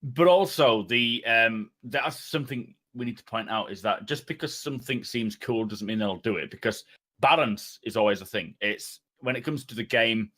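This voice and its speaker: Casual male podcast co-host, loose and profane, quick to laugh. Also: medium pitch, a bit bright. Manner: swears freely, laughs a lot. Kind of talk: casual gaming podcast chat.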